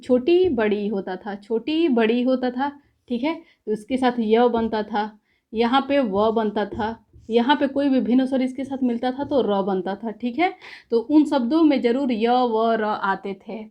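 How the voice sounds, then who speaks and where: A woman teaching a lesson, explaining step by step, asking herself questions and pausing often to check in. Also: a little high, lo-fi sound. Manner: says "ठीक है" after points. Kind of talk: classroom lecture.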